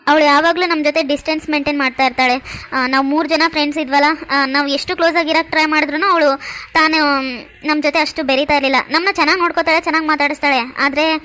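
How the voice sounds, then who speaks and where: A woman's voice: sits high, fairly even intonation, fast talker, pushed and bright. A woman voicing a friendly young wife in a cartoon who explains things at length in a chatty way. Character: friendly young wife, warm-hearted sister-in-law. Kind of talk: cartoon voice acting.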